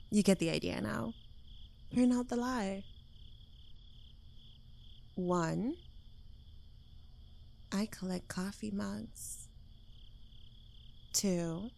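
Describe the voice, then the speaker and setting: A woman voices a clingy, smug young witch for an intimate ASMR roleplay, speaking at medium pitch in a slow, soft drawl that's mellow yet creaky. She comes across as possessive, teasing and slightly unhinged, and the overall feel is smug and playful.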